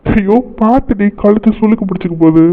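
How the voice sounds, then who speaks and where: A man's voice: high-pitched, fairly quick, lightly acted. Man voicing a teasing, doting young fiancé. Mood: coaxing. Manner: coaxing, playful pleading. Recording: thin phone-like band.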